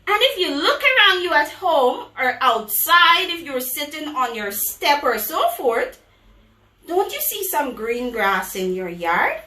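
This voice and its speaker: A woman's voice: high voice, sing-song, unhurried, bright, forceful tone. A woman preschool teacher leading a children's call-and-response lesson in an overbright, exaggerated singsong manner. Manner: overbright, exaggerated kids-host delivery with singsong questions. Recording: echoey room, distant microphone.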